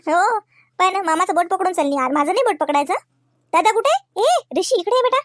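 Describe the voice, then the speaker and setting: A woman playing a homely aunt in a comedy sketch, talking gently and scolding the children a little. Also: extremely high pitch, animated, a little fast, no room sound, clean studio sound.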